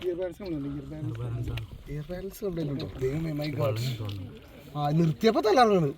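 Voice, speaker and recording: A man's voice: a little high, lively intonation, normal speed, a crowd in the background. A man chatting casually outdoors on the water. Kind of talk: casual chat. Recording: noisy outdoor recording on water.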